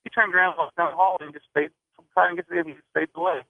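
Phone-in caller: a man heard over a tinny phone line, dry and close, rushed and halting. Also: on the high side, steady tone, vocal fry, no room sound. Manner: rushed, with lots of fillers and restarts. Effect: over the phone, cutting in and out. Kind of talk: telling a ghost story on a call-in show.

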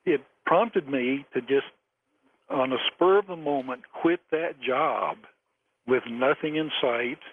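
A man in his seventies calling in to a radio show over the phone, speaking haltingly and chuckling often between phrases. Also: mid-range voice. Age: 70s. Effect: caller heard over a phone line. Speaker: caller to a late-night radio show. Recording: tinny phone line with faint noise.

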